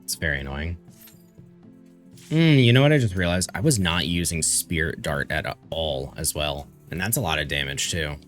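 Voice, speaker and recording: A man's voice: extremely low pitch, lively intonation, moderate pace, fairly bright tone, soft background music. A man streaming a game, chatting casually and swearing offhandedly. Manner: laid-back, swears casually. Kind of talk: casual chat while gaming.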